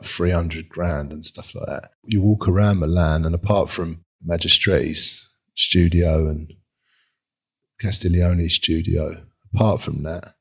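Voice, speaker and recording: Gravelly low-voiced man. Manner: rambling, self-mocking, laughs often. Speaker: furniture designer, guest. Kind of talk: casual interview chat.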